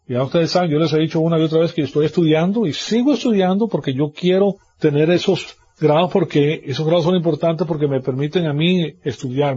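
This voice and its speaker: Husky-voiced man preaching a sermon. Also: on the high side, mellow, dull audio. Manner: preaching with mocking mimicry of others. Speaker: pastor.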